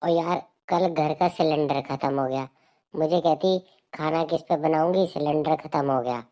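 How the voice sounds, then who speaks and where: A man's voice: a little high, measured pace, warm tone, lightly acted. A man playing a fed-up, griping husband. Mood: exasperated. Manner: exasperated, complaining. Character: fed-up married man complaining about his wife. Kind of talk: comic dialogue.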